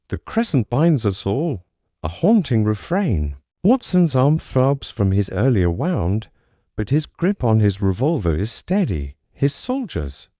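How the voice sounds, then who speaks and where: A male storyteller reading a mystery in a dramatic, suspenseful way. His voice is mellow and lively in pitch, and he reads at an unhurried pace. The sound is dry and close. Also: no room sound. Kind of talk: scripted story narration.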